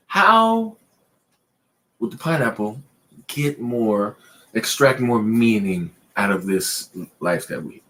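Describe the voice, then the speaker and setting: A podcast co-host on a casual late-night chat show talks in a loose, rambling way. His slightly bright voice swings up and down in pitch for emphasis.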